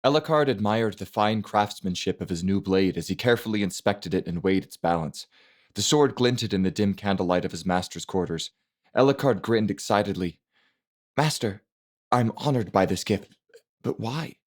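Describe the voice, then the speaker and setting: Deep-voiced male audiobook narrator. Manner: even, measured storytelling. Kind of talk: scripted fantasy narration.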